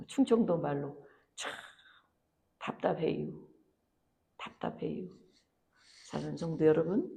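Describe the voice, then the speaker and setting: Woman preacher, sermon in church; hushed asides that surge into loud impassioned appeals. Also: gravelly, slightly rough. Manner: rises to loud, high impassioned pleading, drops to near whisper. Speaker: pastor. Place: church sanctuary.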